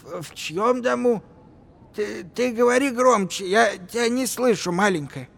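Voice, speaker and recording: A man voicing an ancient, half-deaf village elder in a storybook reading, hesitant and halting. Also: high voice, pitched above the performer's own voice, heavily acted. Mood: doddering. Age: older. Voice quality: creaky. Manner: hesitant, halting, hard of hearing.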